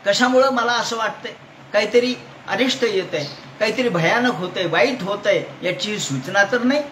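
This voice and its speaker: A man's voice: high-pitched, normal speed, fairly bright tone. A man giving a devotional scripture discourse, chanting verses and then explaining them while he asks his listeners questions. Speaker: Bhagavata discourse speaker. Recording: echoey hall with faint noise.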